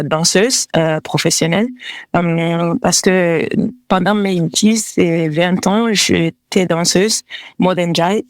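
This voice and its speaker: A woman from Togo speaks as a guest designer, circling her thoughts with many fillers and quick restarts. Her voice sits close and dry, with no room sound around it. She laughs easily between answers. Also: fairly low pitch, no echo. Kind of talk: casual interview talk.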